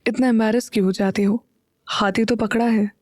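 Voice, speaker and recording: A woman's voice: a little high, fairly even intonation, fairly quick, a little mellow, no echo, studio quality, lightly acted. A woman voicing a cool young husband who teases his shy wife. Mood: teasing.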